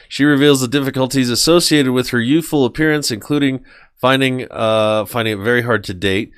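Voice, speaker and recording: A man's voice: mid-range voice, a bit bright, clear, resonant tone, no room sound, clean studio sound. A man hosting a casual podcast, reading news stories aloud and joking with friends. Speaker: podcast host.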